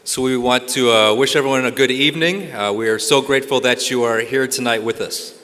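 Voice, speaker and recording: A man's voice: mid-range voice, a little fast, fairly bright tone. Playful man emceeing in a big hall. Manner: playful and joking. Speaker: event emcee and TV morning news co-anchor. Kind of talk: live gala hosting. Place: large banquet hall. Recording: reverberant banquet hall.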